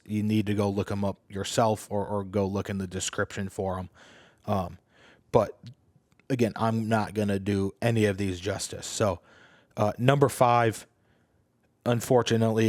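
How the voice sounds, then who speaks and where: Low-voiced man hosting sports talk. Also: a little mellow, no room sound, clean studio sound. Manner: loose and chatty, many "um"s and restarts. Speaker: sports show host. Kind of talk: solo sports podcast talk.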